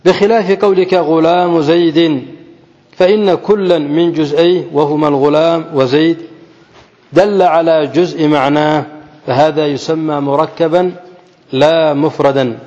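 A man with a slightly raised voice gives a classical grammar lesson. He keeps quizzing his students, repeating key phrases slowly and deliberately. The audio is muffled and carries a long reverb, as though recorded in a big hall or mosque classroom. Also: a little high, steady tone, darkish tone. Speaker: teacher of Arabic grammar.

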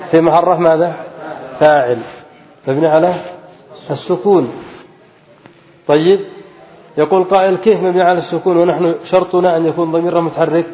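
Man, grammar teacher, classroom lesson, call-and-response questions, slow drawn-out examples, long hall reverb, dull lo-fi sound. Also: a little high. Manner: asks the class questions and repeats the key answer; stretches out example words slowly.

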